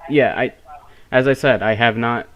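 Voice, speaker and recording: A man's voice: medium pitch, normal speed, muffled recording, slight background noise. A nineteen-year-old man talking casually on the phone, giving plain, brief, somewhat hesitant answers. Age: late teens (19). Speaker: person receiving the phone call. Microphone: telephone call.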